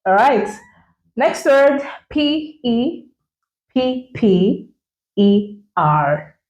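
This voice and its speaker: A young woman with a Kenyan accent hosts a playful chat, teasing her guest, laughing often, and slowly spelling words out letter by letter. Her fairly high voice is sing-song with a darkish tone, and the recording has a roomy echo.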